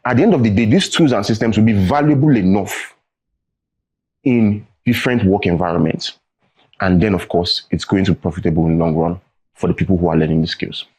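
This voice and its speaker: This tech training founder, a young man with a Nigerian accent, is being interviewed as a studio guest, and the recording quality is poor. He talks briskly in a low, slightly mellow voice with some breathiness. Earnest in his explanations, he keeps checking in with "right?" and "you know".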